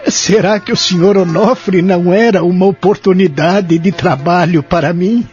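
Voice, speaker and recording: A Brazilian man plays a lonely, remorseful elderly care-home resident narrating his story in a somber, reflective audio drama. His voice sits high, with a darkish tone, moderate pace and light acting. The audio is dull and lo-fi, with background music.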